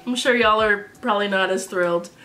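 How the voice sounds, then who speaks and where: A woman's voice: mid-range voice, a little fast. A young woman co-hosting a casual chat, giggly and chatty. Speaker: co-host. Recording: music bed underneath.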